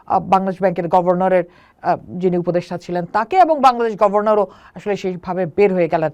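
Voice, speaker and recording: A woman interviewing a guest, pausing on drawn-out fillers as she frames her questions. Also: mid-range voice, darkish tone, no room sound. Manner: hesitant, frequent "ah" fillers while framing questions.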